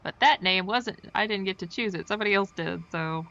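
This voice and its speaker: A woman's voice: medium pitch, a little fast, gravelly, fairly bright tone, highs cut off. A woman streaming a game, chatting casually and joking about herself to her viewers. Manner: chatty, self-deprecating, talks to chat. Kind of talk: casual gameplay commentary.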